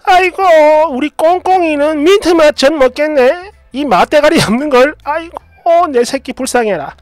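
A woman voicing a sharp-tongued older mother-in-law who scolds and grumbles. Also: high-pitched, animated, normal speed, dry recording, soft background music, voice pushed up. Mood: sarcastic pity.

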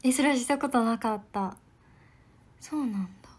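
A young woman with a voice sitting a little above the usual range chats through a casual livestream, answering viewers' comments one by one. She stays polite, with a lively, friendly tone. Every so often she drops into a soft whisper for quick asides to herself. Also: a little high. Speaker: idol trainee livestreamer.

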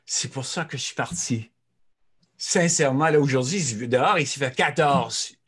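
A man in his sixties with a Canadian French accent, an author telling lively anecdotes to an audience of teachers. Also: medium pitch. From Saskatchewan, Canada. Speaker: author giving a talk. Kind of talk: storytelling talk to teachers.

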